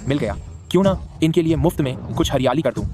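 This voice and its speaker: A man voicing a cocky, teasing young husband in a dubbed drama, over loud background music. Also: fairly high pitch, lively intonation, quick pace, close to an everyday voice. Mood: relaxed. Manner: teasing, self-assured. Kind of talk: Hindi-dubbed short drama.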